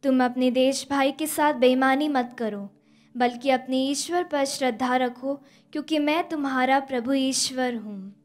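A young woman in her 20s reads scripture at Mass from a lectern with a stand mic in an indoor studio chapel. Her bright, high voice is slow and measured, giving the scripture and psalm an even, deliberate recitation.

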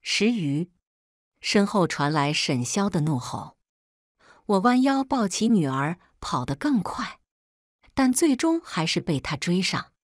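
A woman reading a first-person romance story aloud as a storyteller, in an expressive, dramatic manner. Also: on the low side, measured pace, no echo, clean studio sound.

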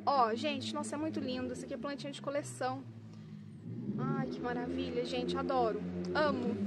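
A woman's voice: high voice, flat delivery, normal speed, very noisy. A woman with a Brazilian Portuguese accent, unboxing plants for her vlog in an effusive, exclaiming way, often turning to her viewers. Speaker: plant vlogger.

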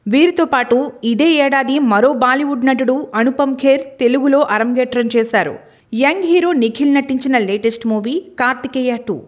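A woman narrating a scripted entertainment news voice-over in an even, formal read-out manner. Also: sits high, brisk.

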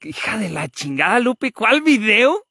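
A woman's voice: on the high side, big pitch swings, measured pace, vocal fry, bright, forceful tone, slightly rough, dry recording, clean studio sound. A woman vlogger, teasing and swearing in casual chat.

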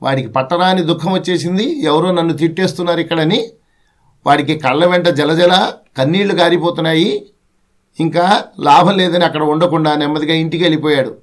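A man's voice: fairly high pitch, fairly quick. A man reciting a Telugu children's poem line by line, then explaining each verse in plain everyday speech like a teacher.

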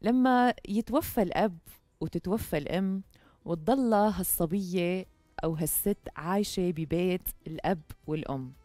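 Female talk show host, young, Jordanian accent. Warm dark tone, dry studio sound, earnest emphatic delivery. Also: lowish voice, normal speed, no room sound, soft background music. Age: young adult. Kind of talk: conversational studio monologue. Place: TV studio, indoors. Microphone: headset.

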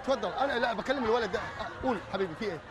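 A man's voice: high voice, very fast, a loud crowd. A man hosting a hidden-camera prank show outdoors, pushy and laughing, repeating himself as he brushes someone off.

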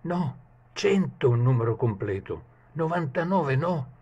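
Guy putting on a fretful greedy servant, high husky voice, muffled sound. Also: expressive, a little slow, warm tone. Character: anxious greedy male page counting gold.

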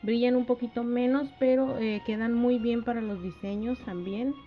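Higher-voiced woman explaining nail art. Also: fairly even intonation, moderate pace. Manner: gentle, friendly step-by-step explaining with fillers and diminutives. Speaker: nail tutorial host. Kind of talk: voice-over nail art tutorial. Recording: dull lo-fi voice-over with faint music.

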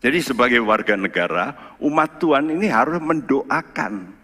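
Bright-voiced pastor in a church hall. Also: male voice, medium pitch, moderate pace, slightly rough. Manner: lively preacher, rhetorical questions, mixes English words. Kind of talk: sermon.

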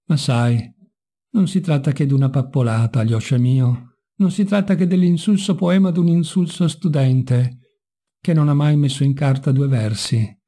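A man's voice: a little high, fairly even intonation, moderate pace, mellow, natural voice. A man voicing a bitter, mocking young intellectual in a read-aloud novel, with a wry, sardonic manner.

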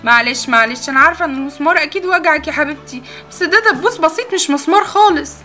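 A woman with an Egyptian Arabic accent voicing a calm, firm doll aunt who soothes the girls and orders the father about. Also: high-pitched, racing, faint music behind. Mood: soothing.

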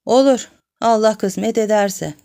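A woman's voice: mid-range voice, slow, creaky, warm tone, clean tone, voice pushed up. A woman voicing a sly, lecherous middle-aged village man who coaxes and then threatens. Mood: evasive.

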